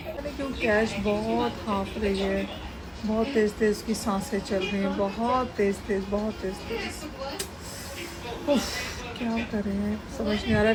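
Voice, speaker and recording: High-voiced woman cooing to her pet. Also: poor audio. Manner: doting baby talk to her pet, anxious and tearful at times. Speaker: pet vlogger. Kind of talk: casual vlog talking to her sick pet. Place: outdoors and at a vet clinic.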